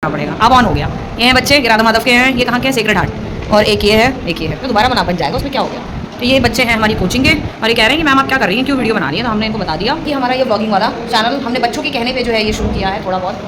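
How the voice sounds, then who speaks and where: A young woman chats quickly in a high voice as she vlogs on her phone, teasing and scolding the people around her. She talks fast and playfully through the whole day. Loud background noise sits under the phone recording. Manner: lively, teasing, scolding family members. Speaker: vlogger and coaching teacher. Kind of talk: casual daily vlog narration. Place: at home and at a coaching class, indoors. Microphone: phone camera, handheld.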